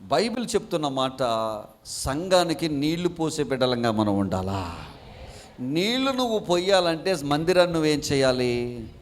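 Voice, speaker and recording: A middle-aged man preaching a sermon, asking the congregation questions and answering them himself, and reading scripture slowly. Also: fairly high pitch, sing-song. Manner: slow measured scripture reading. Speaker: pastor.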